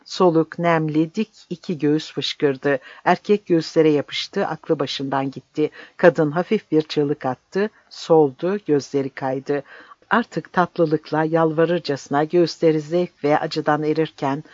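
An audiobook narrator reads a dramatic novel in an intense, measured way at a middle pitch. The recording is dry, with no room sound, and slightly dull. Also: a little mellow, no echo.

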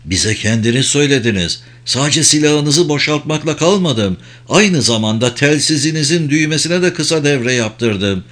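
A man doing a quiet, resolute officer. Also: lively intonation, normal speed, few pauses. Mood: steady. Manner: low, quiet, controlled.

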